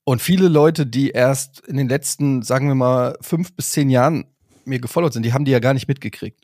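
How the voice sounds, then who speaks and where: A man's voice: mid-range voice, brisk, darkish tone, no echo, studio quality. A man co-hosting a casual podcast, playful and self-mocking, who drifts into jokes. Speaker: podcast co-host. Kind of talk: casual chat.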